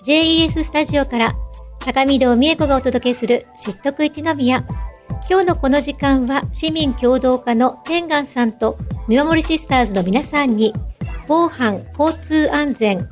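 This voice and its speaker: A woman hosting a local radio program, introducing guests in a polished announcer manner. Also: high-pitched. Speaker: radio host.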